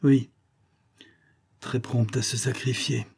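A man voicing a gruff, protective elderly grandfather who grumbles and scolds in a husky, dark voice. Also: medium pitch, moderate pace, natural voice. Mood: grumbling. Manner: grumbling, exclamatory.

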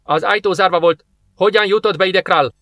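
A man voicing a gruff, impatient male Russian officer who barks orders and mocks. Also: fairly high pitch, bright, forceful tone, dry recording, voice pushed up. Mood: irritated. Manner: barking, impatient, sarcastic.

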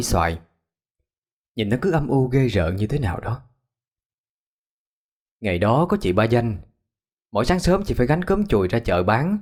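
A man narrating a ghost story in a slow, somber way. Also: lowish voice, darkish tone.

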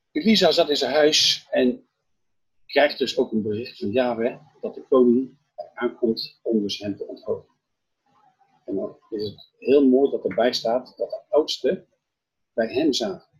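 A man preaching, retelling a Bible story with animated storytelling and acted-out dialogue. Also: medium pitch, unhurried, pauses often, husky, rough recording. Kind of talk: Bible teaching, retelling scripture.

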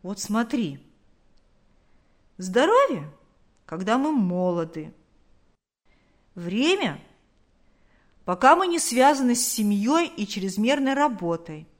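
A hoarse, folksy old neighbor, as a woman voices him in an audiobook, rambling philosophically and without hurry. The voice lifts higher and louder than her narration and swings widely in pitch. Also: very animated. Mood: musing. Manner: unhurried, musing, calls her "kiddo".

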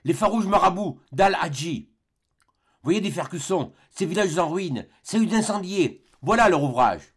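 Male reader doing a commanding balloon-expedition doctor: raised, urgent, loud storybook voice. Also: sits high, expressive, unhurried, slightly rough, pitched above the performer's own voice, full character voice. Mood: grim. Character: excited male explorer doctor leading a balloon escape.

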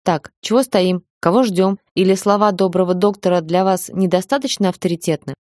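A woman voicing a sarcastic, commanding male leader who talks briskly. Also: on the low side, steady tone, darkish tone, no room sound, clean studio sound, lightly acted.

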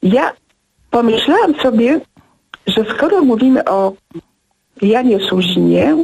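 A woman guest on a radio talk show who speaks reflectively, pausing often between short phrases. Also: mid-range voice, creaky, darkish tone, breathy edge, poor audio. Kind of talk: radio conversation.

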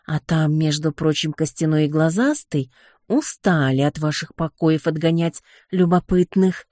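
A reader voicing a sly talking house cat in an audiobook, with a slow drawl. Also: medium pitch, darkish tone, dry recording, clean studio sound, close to an everyday voice.

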